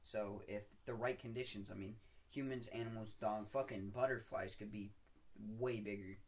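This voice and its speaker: A man's voice: on the low side, fairly even intonation, moderate pace. A young man co-hosting a podcast in casual chat, joking around and explaining things at length. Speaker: podcast co-host.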